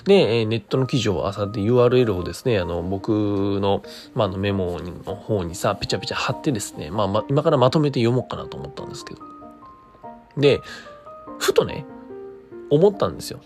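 With music in the background, a man hosts his daily talk stream, delivering a casual solo monologue in a darkish voice with lively intonation at a slightly fast pace. He alternates courteous presenter lines with informal asides. Thinking aloud, he hesitates and wanders.

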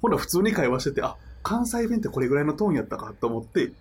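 A man with a Kansai accent, co-hosting a casual podcast chat and telling a story in a relaxed, animated way. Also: fairly high pitch, fast, husky. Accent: Kansai Japanese. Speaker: podcast co-host.

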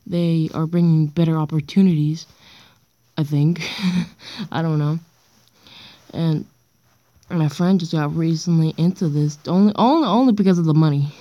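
Young girl, low-pitched, stuffy nose, hesitant casual podcast rambling, self-deprecating, dull lo-fi dictaphone recording, dry close sound. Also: no room sound. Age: child or young teen, around sixth grade. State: stuffy nose from being sick. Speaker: amateur podcaster. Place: indoors on a bedroom floor, late at night. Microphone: handheld voice recorder.

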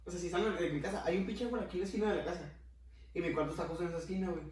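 A young man from Mexico co-hosting a podcast, joking and teasing loudly in casual chat. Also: high voice, racing. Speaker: podcast co-host. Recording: echoey room, mic at a distance.

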